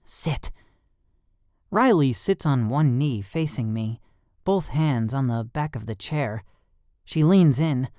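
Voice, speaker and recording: An audiobook narrator reading a first-person story in a steady, measured way on a close studio mic. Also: mid-range voice, no room sound.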